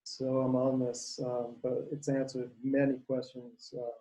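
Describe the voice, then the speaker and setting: Man from Costa Rica, mellow warm voice, earnest, halting, audience question, video call. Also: medium pitch, monotone, low-quality recording. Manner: earnest, halting, searching for words. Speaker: audience member asking a question.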